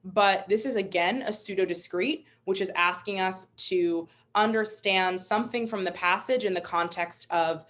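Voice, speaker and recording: A woman's voice: mid-range voice, moderate pace, hardly any pauses, fairly bright tone. A young woman instructor teaching a live online webinar, upbeat and encouraging, chatty with fillers. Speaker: MCAT instructor.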